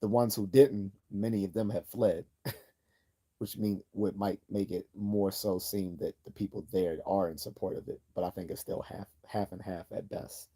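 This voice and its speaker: A man hosting a casual livestream reads viewer comments aloud and chats between them, rambling with many restarts and pausing to clear his throat. His low voice is very dark and husky, with fairly even intonation at a normal speed.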